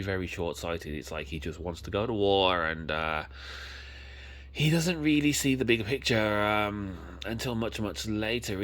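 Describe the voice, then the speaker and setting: A man's voice: deep voice, fairly bright tone, slight background noise. A man, casually showing off his movie collection and rambling, often correcting himself as he talks.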